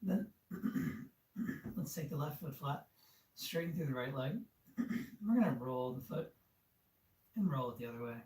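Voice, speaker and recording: A man guiding a yoga class, giving relaxed, encouraging cues with casual fillers. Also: medium pitch, measured pace, long pauses. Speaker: yoga instructor. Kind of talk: guided yoga class instruction. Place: studio room. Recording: echoey room, far from mic.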